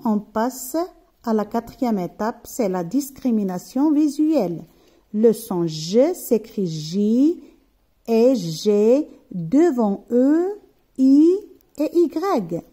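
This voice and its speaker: Slow, mellow-voiced woman teaching phonics. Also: medium pitch, husky. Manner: spells out sounds and syllables, repeats with checks. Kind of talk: slow, careful phonics lesson.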